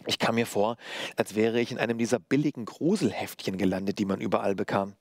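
Man, author, reading from own novel, low-pitched, measured, dry sound. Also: no echo. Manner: measured, steady storytelling. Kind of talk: reading aloud from his novel. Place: library reading.

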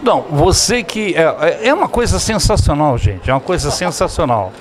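Speaking at a moderate pace in a slightly high voice with big pitch swings, a middle-aged man hosts a TV show from a restaurant's dining room. Using a handheld microphone, he conducts an upbeat on-location interview and eagerly promotes to viewers.

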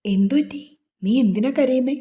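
A woman's voice: fairly high pitch, moderate pace, mellow, voice pushed up, natural voice. A woman voicing a sulky young husband who turns playfully teasing in a romance novel reading. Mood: tender teasing.

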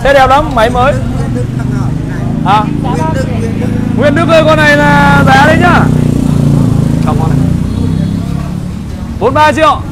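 High-voiced northern Vietnamese man hawking on the street. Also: animated, a little slow, pauses often, a loud crowd. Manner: repetitive hawker-like patter, calling out. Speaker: used motorbike dealer, livestream host. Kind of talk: live street sales pitch with banter. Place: busy street outside a motorbike shop. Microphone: clip-on lapel mic. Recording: loud street traffic noise.

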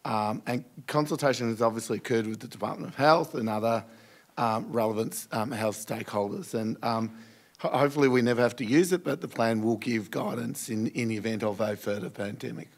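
An Australian man council officer with a croaky voice, briefing a meeting in a loose way full of ums. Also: mid-range voice, fairly quick. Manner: informal, filler-heavy explanation. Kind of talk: formal briefing.

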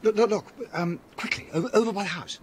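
An actor playing an edgy, hearty young gentleman in a radio drama, with hesitant, unsettled speech. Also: high voice, fast talker, slight background noise, lightly acted. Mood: alarmed.

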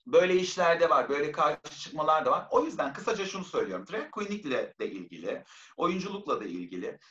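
A woman guest in an interview, telling anecdotes in an animated way. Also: low voice, fast. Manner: lively, acts out others' voices in anecdotes. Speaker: guest actress. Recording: roomy, dull lo-fi sound.

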